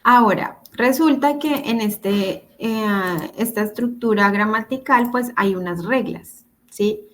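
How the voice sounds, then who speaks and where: A woman's voice: fairly high pitch, slow, hardly any pauses, a little hiss or hum. A woman teaching English grammar to a class over a video call, patient and repeating examples. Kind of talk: online class explanation. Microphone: computer mic on a video call.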